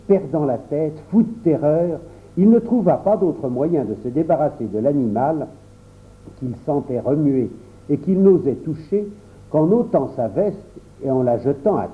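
Man, storybook narration, lively intonation, unhurried pace, tinny phone-like audio. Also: a little high. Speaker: storybook reader.

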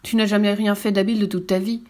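A woman's voice: mid-range voice, flat delivery, fast, dark tone, natural voice. A woman voicing a smaller male crocodile who scolds his greedy companion. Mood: scolding. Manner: scolding, scornful.

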